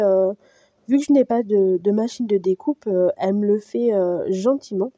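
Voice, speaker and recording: A woman talking through a craft tutorial in a casual voice-over, hesitant, with many fillers and pauses. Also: medium pitch, dark tone, no echo, dull audio. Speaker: craft vlogger.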